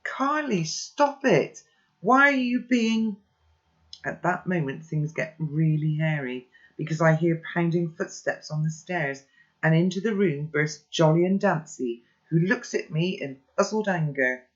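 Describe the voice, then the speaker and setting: Casting: calm first-person storybook narrator, mid-pitched, lo-fi sound. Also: unhurried. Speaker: reader. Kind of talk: reading a children's novel aloud.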